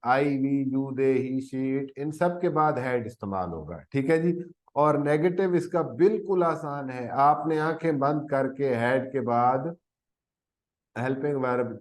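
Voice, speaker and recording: On a low-quality recording, a man with a mid-range, darkish voice teaches a grammar lesson on tenses. He's an English teacher with a Pakistani Urdu accent who coughs often, corrects himself, and keeps checking in with "theek hai ji."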